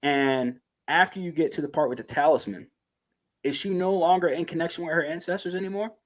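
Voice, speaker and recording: A man's voice: fairly high pitch, a little fast. Laid-back swearing podcast man. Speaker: podcast co-host. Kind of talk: casual chat.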